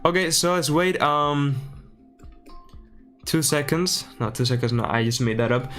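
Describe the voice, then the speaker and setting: A man's voice: a little high, fairly even intonation, a little slow, fairly bright tone, soft background music. A man streaming live in casual chat, thinking aloud as he adjusts his setup. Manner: chatty, thinks aloud while fixing settings. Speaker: streamer reacting to a livestream.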